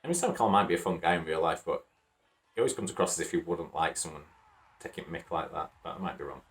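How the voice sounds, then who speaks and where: This is a man with a broad Wakefield accent hosting a reaction video. His voice sits low, and he rambles in a relaxed, chatty way. He breaks into easy chuckles as he goes. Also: quick pace. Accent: Wakefield, Yorkshire. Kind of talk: casual reaction commentary.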